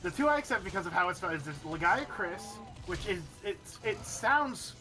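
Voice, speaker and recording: A man streaming a game and chatting casually, joking around and correcting himself as he goes. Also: high-pitched. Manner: joking, animated, quick self-corrections. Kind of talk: casual chat while gaming.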